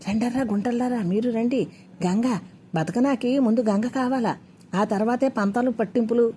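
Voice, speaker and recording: A woman voicing a shrewd older village woman who talks in a loud, commanding, rustic way to settle a quarrel. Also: fairly high pitch, normal speed, a little hiss or hum, pitched above the performer's own voice, lightly acted. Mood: coaxing.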